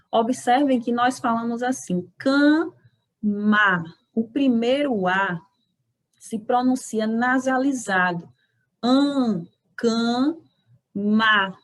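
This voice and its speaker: A woman from Brazil teaches Spanish in a deliberate, unhurried voice that sits a little high. She says each example word slowly and asks her students to repeat it after her. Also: rough recording. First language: Portuguese. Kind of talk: slow, careful language lesson.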